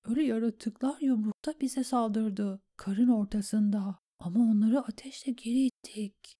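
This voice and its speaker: Woman as a frightened young man, hushed, tense delivery, mellow tone. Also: on the high side, a little slow, pitched above the performer's own voice. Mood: anxious. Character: frightened young man writing battle messages.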